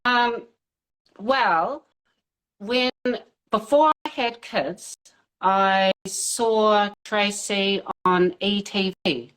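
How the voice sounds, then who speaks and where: This thirty-something guest from New Zealand talks extremely slowly in a medium-pitched, fairly bright voice during a video call interview. Her speech is relaxed and hesitant, full of fillers and quick laughs, and the recording is rough.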